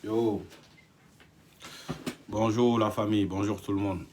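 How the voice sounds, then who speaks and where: A West African man live-streams from indoors at home in a casual monologue, greeting viewers by name and becoming emphatic and impassioned. His voice is fairly low with a darkish, steady tone, and he takes it slowly. There is slight background noise.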